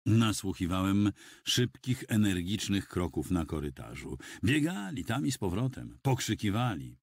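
A man reading a first-person audiobook in a measured, dramatic storytelling manner, close to a studio mic. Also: lowish voice, sing-song, husky, no echo. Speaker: audiobook reader.

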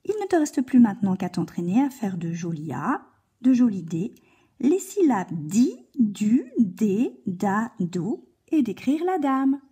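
A woman's voice: medium pitch, very animated, warm tone, slightly rough. A woman teaching a handwriting lesson to a child, guiding patiently step by step. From France. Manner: slow, patient step-by-step guidance, addressing a child.

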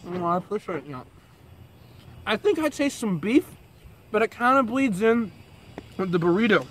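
A man's voice: high-pitched, big pitch swings, a bit bright, a little hiss or hum, rough recording. A man giving a casual, laid-back food review while talking through a mouthful of food. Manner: laid-back, rambling, drawn-out phrasing.

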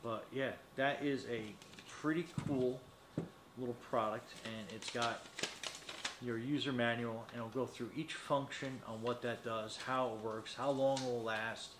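Speaking at a measured pace in a medium-pitched voice with fairly even intonation, a man in his fifties casually demos a product with no script. He's a reviewer seated at a desk in a small metal-walled indoor studio, rambling slightly as he thinks aloud. The room adds echo and faint noise.

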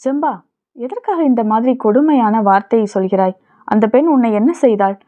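A woman's voice: a little high, moderate pace, natural voice. A woman voicing a bashful young male village farmer who pleads defensively, on tinny phone-like audio. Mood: pleading.

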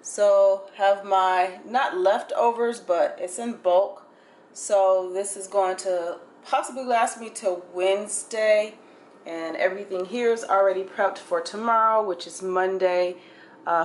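A young woman chats to a close camera in her home kitchen, rambling loosely and dropping plenty of ums and likes. Her voice sits at a middling pitch. The kitchen gives the sound a noticeable echo. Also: a little hiss or hum. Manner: chatty, rambling, with many fillers. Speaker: fitness vlogger. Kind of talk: casual vlog chat. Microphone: camera held close.

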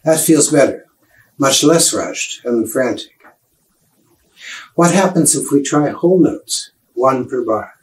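An older man, a piano professor, giving a measured, explanatory music lecture. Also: on the high side, expressive, poor audio.

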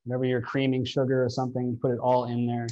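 A man in his thirties demonstrates cooking live in a spacious home-style kitchen, instructively taking viewers through each step. His mid-range voice is monotone, quick and dark-toned, and the far camera yields dull lo-fi livestream audio.

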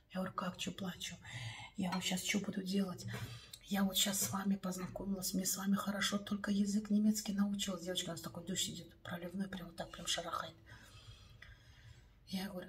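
A woman's voice: sits low, far from the mic. A woman telling a personal story to her viewers in a chatty, confiding way, often calling them "girls". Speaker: vlogger.

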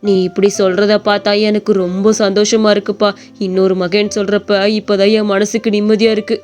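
A woman voicing a gentle, kindly old man who runs a small appam shop, with a soft, fatherly, consoling way of talking. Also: mid-range voice, level tone, a little fast, faint music behind, natural voice. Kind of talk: animated story voice acting.

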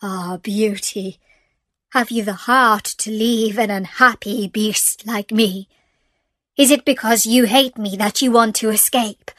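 A woman's voice: medium pitch, fairly even intonation, no room sound. A woman doing a sorrowful pleading beast. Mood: mournful, pleading. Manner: slow, mournful and pleading. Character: sad gentle male beast, lovesick and pleading. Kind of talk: storybook reading.

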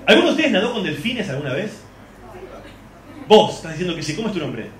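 A man's voice: sits high, very animated, fast. A man with an Argentine accent doing live stand-up comedy, brash and swearing, working the crowd on a club stage. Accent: Argentine Spanish. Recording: echoey club with loud crowd.

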